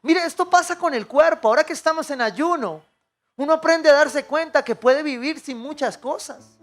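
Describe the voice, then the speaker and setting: A man's voice: very high-pitched, moderate pace. A man with a Colombian accent preaching a sermon as pastor, telling stories and putting questions to the congregation. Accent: Colombian Spanish. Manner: animated storytelling, acting out dialogue, asking the congregation questions. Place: church.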